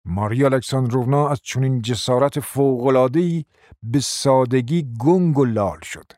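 A man narrating a radio play with an even, storytelling delivery. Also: medium pitch, no echo, clean studio sound. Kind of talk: scripted narration.

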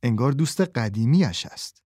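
A man narrating a children's audiobook in an expressive storytelling manner. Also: mid-range voice, no room sound. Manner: expressive storyteller voicing all characters.

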